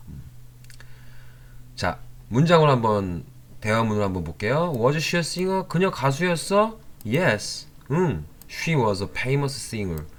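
A man teaching an English grammar lesson online, reading example sentences aloud and checking back with his learners as he goes. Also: lowish voice. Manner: explains while typing, reads English example sentences aloud; lively, with many rising questions to the learners.

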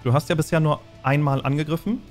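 With a slightly high voice, fairly even intonation and a quick pace, this man serves as a tabletop game master, narrating, refereeing and explaining on the fly. Faint background music can be heard.

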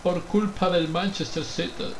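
Young man commentating his own football game, higher voice, faint noise behind, quiet muttering that bursts into shouts. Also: fairly even intonation, a little slow. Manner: swings from muttering to shouting at goals. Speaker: gaming youtuber. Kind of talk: excited let's-play commentary.

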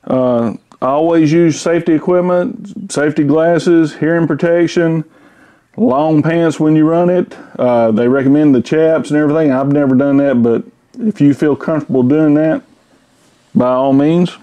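A man in his fifties talks through a tool in his home garage, his voice mellow and warm. He rambles in an easygoing, folksy way, pausing on fillers as he goes. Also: fairly high pitch, fairly even intonation, dull audio. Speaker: tool reviewer. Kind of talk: casual product review. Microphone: camera-mounted mic.

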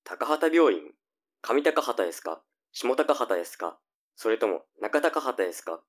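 A man's voice: medium pitch, sing-song, unhurried. A man playing a nagging, flippant young older brother in a tongue-twister audio drama. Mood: matter-of-fact.

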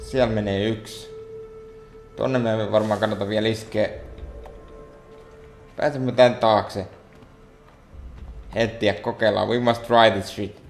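Pausing often, a man speaks in a fairly low, steady voice while faint music plays behind him. He's a let's play host in an echoey room, muttering and grumbling exasperatedly at the game.

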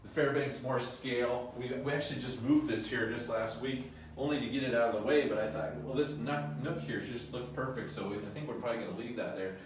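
A middle-aged man giving a casual guided tour of a museum's restored rooms, often pausing with fillers as he walks and explains. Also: medium pitch, distant mic, a little hiss or hum. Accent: Pacific Northwest American. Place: large empty house museum rooms with bare walls, indoors. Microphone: handheld phone camera following him, often several steps away. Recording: roomy echo, speaker off mic.

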